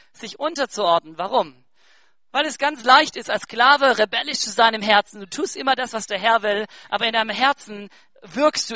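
A man in his thirties preaching a sermon, swinging between soft asides and loud, emphatic bursts. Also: sits high, no room sound. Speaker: pastor.

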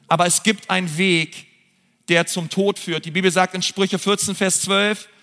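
A man's voice: high-pitched, fairly even intonation, moderate pace. A man preaching a sermon as pastor, earnest and talking straight to his listeners with frequent fillers. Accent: German. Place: large church hall. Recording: church hall with long reverb and soft music.

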